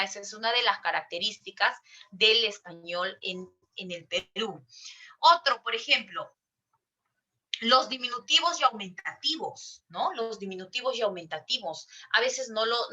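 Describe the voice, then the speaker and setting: Bright Peruvian woman teaching a class. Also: a little high. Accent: Peruvian Spanish. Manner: asks the class questions and repeats herself often. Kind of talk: classroom lecture.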